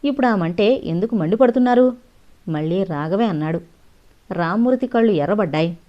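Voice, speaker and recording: A woman narrating an audio novel in an expressive storytelling style. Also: mid-range voice, a little fast. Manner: expressive reading. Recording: dull lo-fi audio.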